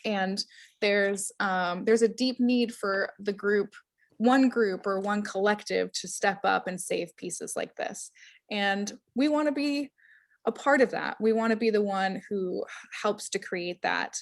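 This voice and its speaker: Woman, event host, enthusiastic, chatty, fillers, mid pitch, dry close sound. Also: a little slow, no echo. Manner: warm and enthusiastic, with frequent fillers and laughs. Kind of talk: casual presentation at a public event. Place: indoor event.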